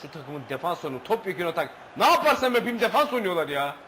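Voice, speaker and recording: A man's voice: high-pitched, very animated, fast, fairly bright tone, slight background noise, low-quality recording. A man commentating his own football video game match, swearing, groaning and slipping into mock play-by-play. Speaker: gaming channel host. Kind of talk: gameplay commentary.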